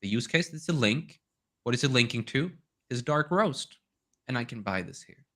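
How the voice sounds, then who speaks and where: A man's voice: mid-range voice, lively intonation, normal speed, a bit bright. A man from Sweden, a native Swedish speaker, giving a conversational webinar talk and telling anecdotes, often checking in with "right?". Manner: conversational, tells anecdotes, tags questions with "right?". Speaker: guest speaker on domains. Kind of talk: webinar presentation.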